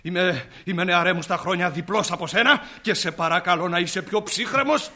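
A man's voice: high voice, sharp tone, heavily acted. A man playing a blustering old landowner. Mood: lecturing. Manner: blustering, patronizing, repeats "and so on". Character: older male landowner, blustering fond father. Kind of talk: stage play acting.

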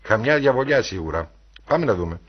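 A man reading a novel aloud, voicing a bold, teasing young gentleman. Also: mid-range voice, sing-song, husky, highs cut off.

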